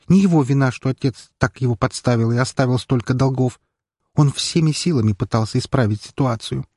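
A man's voice: medium pitch, darkish tone, breathy edge, dry recording, clean studio sound, pitched above the performer's own voice, lightly acted. A man voicing a young maid who is grieving and hostile, near tears, speaking in clipped, strained phrases through clenched teeth.

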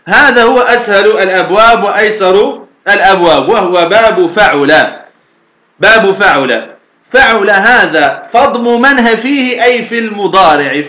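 A man teaching Arabic grammar, asking his students questions, answering them himself, and slowly drawing out example words. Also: high voice, bright, forceful tone, roomy sound. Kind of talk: lecture explaining a grammar poem.

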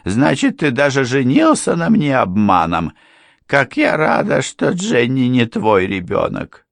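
A man's voice: wildly swooping pitch, a little slow, gravelly, no echo, studio quality, heavily acted. A man voicing an older housekeeper woman, tearful and bitterly accusing. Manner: crying, shrill, accusing.

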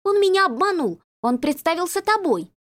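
A woman reading a story and voicing a sharp-tongued, easily rattled young woman in an indignant, sarcastic manner. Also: very high voice, big pitch swings, normal speed, voice pushed up, exaggerated voice. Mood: agitated.

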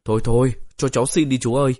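Guy doing polite young nephew, quick and respectful, dry sound. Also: mid-range voice, steady tone, dark tone, dry recording, lightly acted. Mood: refusing.

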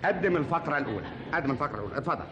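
A man's voice: on the high side, animated, racing, lo-fi sound, a crowd in the background, natural voice. A man playing a fussy, theatrical show host with an Egyptian accent in a 1950s radio comedy, insisting on every detail. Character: fussy male show host coaching his assistant. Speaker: comic show presenter. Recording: hissy 1950s radio archive.

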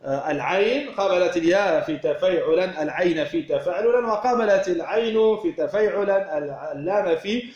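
A man's voice: high voice, lively intonation, fairly quick, a little mellow, echoey room, highs cut off. A man teaching Arabic word patterns from a verse text, repeating key words and asking questions he then answers himself. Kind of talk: explaining a verse text line by line.

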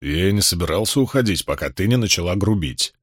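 A man voicing a calm, self-assured stranger warrior with a dry, curt manner. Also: low voice, fast, breathy edge, no echo. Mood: wry.

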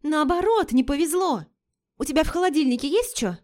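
A woman's voice: high voice, animated, darkish tone, voice pushed up. A woman voicing a brash, flighty young woman friend who talks in slang and takes offense easily. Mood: chatty, cheeky. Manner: chatty and slangy, quick to take offense.

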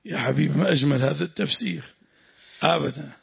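This dull lo-fi lesson recording features a man with a Lebanese Arabic accent, his voice on the high side, gravelly and slightly rough at a quick pace. He comments on a Quran exegesis text as it's read, repeating the reader, explaining points, and quizzing the class.

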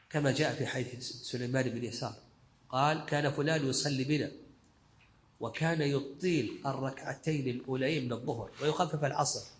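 A male sheikh delivers a scholarly commentary on a classical text. He talks at a brisk, rapid clip and explains in short phrases that he often repeats. His pitch sits in an ordinary middle range. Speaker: sheikh teaching a fiqh text.

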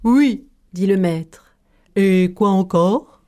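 An idealistic old schoolteacher who likes playful ideas, put on by a woman storyteller. He talks in a calm, reasoning way, with a mellow tone and a pitch that sits mid-range. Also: extremely slow. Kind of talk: storytelling performance.

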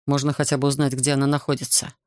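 A man's voice: medium pitch, monotone, quick pace, a little mellow, no room sound, studio quality, natural voice. A man reading the lines of a former soldier and fisherman who speaks dryly, bluntly and with sarcasm. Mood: curt.

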